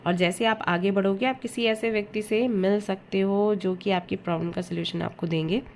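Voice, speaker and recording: A woman's voice: medium pitch, fairly even intonation, normal speed, darkish tone, a little hiss or hum. A woman giving a casual tarot reading. She speaks straight to the listener and slips English words into her talk. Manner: chatty, addresses viewer directly, mixes English words into Hindi. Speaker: tarot reader.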